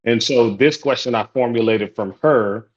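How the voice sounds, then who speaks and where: On an online group call, a native Haitian Creole speaker facilitates a support group, keeping the chat relaxed and cheerful and welcoming people again and again. He speaks at a moderate pace in a mid-range voice, and the recording is muffled.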